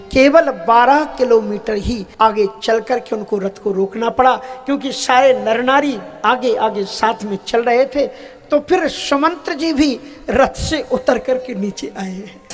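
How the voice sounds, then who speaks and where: A man preaching as a katha storyteller, telling a devotional tale with pleading emotion that swells at moving moments. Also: very high-pitched.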